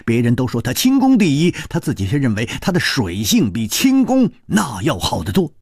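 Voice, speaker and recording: A man's voice: huge pitch swings, creaky, slightly rough, dry recording, clean studio sound. A man narrating a story in a dramatic storytelling style. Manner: dramatic, slow, widely varied pitch.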